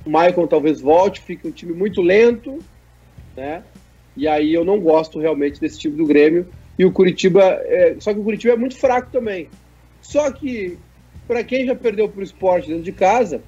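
Jokey co-host: nasal, higher voice, dull lo-fi stream audio. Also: male voice, normal speed, dark tone, husky, soft background music. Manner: joking, reads viewer messages aloud. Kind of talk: casual sports chat.

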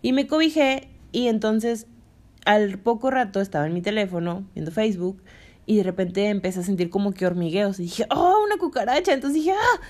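A woman with a Mexican accent chats casually, telling a story with lots of acted-out quotes. Her voice sits at a middling pitch for a woman. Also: moderate pace. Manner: animated retelling with acted-out quotes and shrieks. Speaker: storyteller in a couple's chat. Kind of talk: casual chat.

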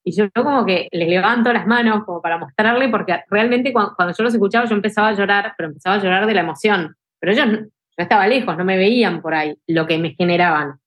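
A woman's voice: medium pitch, quick pace, few pauses. A young adult woman with a Rioplatense Spanish accent, telling emotional stories as a podcast guest in casual chat, with many fillers like "tipo" and "este". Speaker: ultra trail runner guest.

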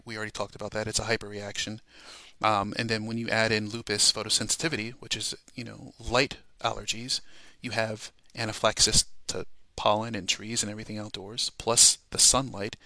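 Hosting a ministry podcast, a man with a lowish, gravelly fry and a sharp, bright edge delivers an informal devotional talk, recorded close and dry with no room sound. He speaks earnestly and emphatically, frequently checking in with the listener through a quick "okay?" or "all right?".

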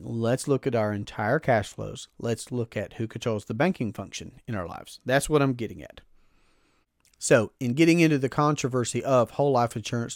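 Man, finance talk, emphatic, repeats himself, restarts sentences, mid pitch, dry room. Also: a little mellow, dry recording. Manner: emphatic, repeats phrases for stress; frequent self-restarts, casual asides. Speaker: finance educator. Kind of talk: explanatory talk.

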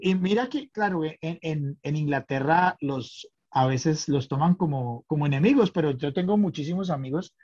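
Middle-aged man, podcast guest, halting delivery, lo-fi recording. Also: a little high, lively intonation, a little mellow. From Colombia. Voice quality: hesitant, many fillers and restarts. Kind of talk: casual chat.

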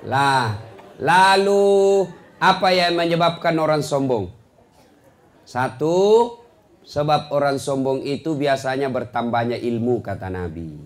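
A man's voice: mid-range voice, expressive, slow. A man preaching a humorous sermon to a congregation, joking and scolding in turn, from Sulawesi. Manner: joking, scolding, mocks boastful people in put-on voices.

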